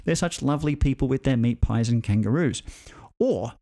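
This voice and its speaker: Animated man telling a story. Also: medium pitch, normal speed. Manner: animated, joking, with lively voiced asides. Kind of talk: casual spoken storytelling.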